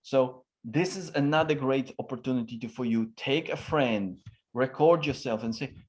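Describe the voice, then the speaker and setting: Here a man speaks at normal speed in a mid-range voice, replying to an interviewer as an expert on communication. Emphatic in manner, he moves through many tones and uses fillers a lot.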